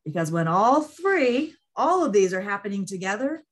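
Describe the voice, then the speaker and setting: Hosting an online monthly group call, a woman presents in an informal, conversational webinar style. Her voice is medium-pitched and sing-song, and she speaks at a normal speed.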